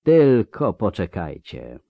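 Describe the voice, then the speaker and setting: A man voicing the inner thoughts of a resentful thirteen-year-old prince, quiet and brooding. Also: sits low, huge pitch swings, takes it slowly, gravelly, dry recording, dull audio, heavily acted. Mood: bitter brooding.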